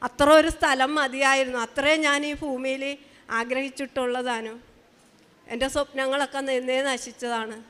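A middle-aged woman tells her own story as a testimony, her voice pitched high. She speaks haltingly and with feeling, often breaking off and starting again. Long reverb hangs after her words, as in a large church hall. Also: fairly bright tone. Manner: halting, emotional, with many restarts. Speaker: mother giving a testimony. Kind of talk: spoken personal testimony.

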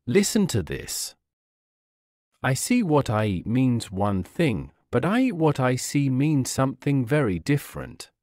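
A blunt, riddling storybook hatter, voiced by a male narrator. He delivers odd remarks slowly, with a wide, animated pitch. The sound is dry and close. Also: dry recording.

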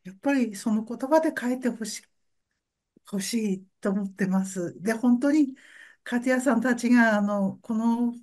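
A woman author answering questions in an online talk, speaking softly and thoughtfully over a video call. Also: a little high. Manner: slow, soft, thoughtful.

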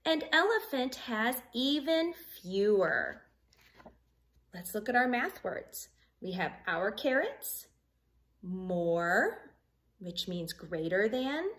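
A mid-range voice belongs to this woman in her thirties, who sits in her living room reading a picture book to children. Teacher-like and sing-song, she tells the story with plenty of expression and pauses to quiz the young audience with simple math questions.

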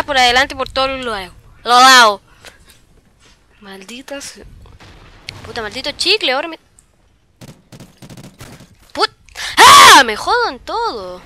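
A woman with a Chilean accent giving live, excitable commentary over her own gameplay, cursing and yelling at the game. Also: high voice. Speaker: gaming video creator.

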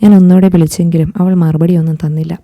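A woman narrating a first-person story in a calm, even reading. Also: lowish voice, fast talker, phone-quality sound.

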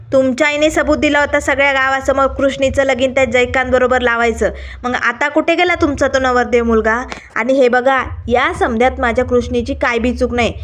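A woman's voice: high voice, lightly acted. A woman voicing a fiery young village woman who confronts people indignantly.

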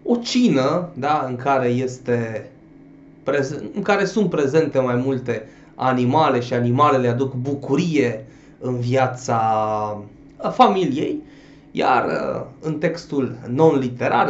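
A man's voice: medium pitch, reverberant, highs cut off, a little hiss or hum. A male language teacher giving an exam-prep grammar lesson, explaining step by step and often checking in with a questioning "da?". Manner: addresses students warmly as "dragilor".

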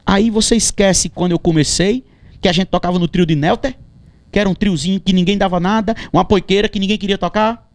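A male singer with a rather high voice tells a story fairly quickly in a casual interview. He's animated, acting out the quoted dialogue and stammering and repeating phrases as he goes.

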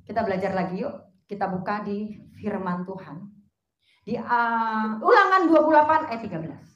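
A woman's voice: medium pitch, normal speed, dull audio. A woman giving a personal testimony at a church service, speaking straight to the congregation and asking it questions. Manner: animated, addresses the congregation directly and asks it questions. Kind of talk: sermon-style personal testimony. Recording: echoey hall sound.

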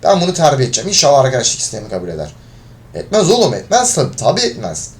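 Frustrated young-sounding gamer man, lively voice. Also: medium pitch, racing. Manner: frustrated, swearing, shouts when losing. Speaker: gaming video creator. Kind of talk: live gameplay commentary.

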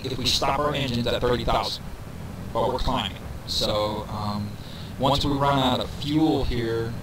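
Man with reverb on his voice, walking through a game. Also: mid-range voice. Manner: relaxed, thinks aloud with fillers, counts numbers off. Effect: reverb on the voice from a poor microphone. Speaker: gameplay tutorial narrator. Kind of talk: casual walkthrough commentary. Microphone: cheap desk microphone. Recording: reverby mic with crowd noise behind.

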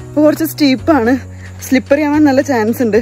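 A young woman vlogs her trip along a forest trail by a waterfall, chatty and casual, throwing in English phrases and calling her audience "guys." Her voice sits high, fast and darkish in tone. The audio is poor, with music underneath.

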